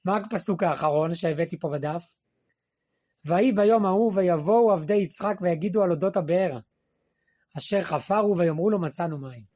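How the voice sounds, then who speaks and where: Male Torah teacher, high-pitched and husky, asks and answers his own questions, drops his voice lower and quieter for quoted lines. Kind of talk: Torah class.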